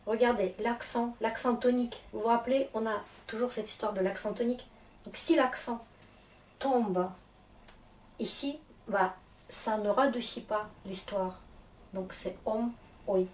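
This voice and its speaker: A woman who is a Russian teacher and native Russian speaker, explaining grammar patiently and checking often that the class follows. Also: mid-range voice. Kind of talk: classroom lesson. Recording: echoey room, distant mic, faint noise.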